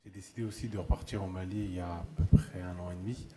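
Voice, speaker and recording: A man's voice: deep voice, fairly even intonation, fast, reverberant, very noisy. A man from France who founded a solar start-up, explaining it plainly at a forum. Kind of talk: presentation at a forum.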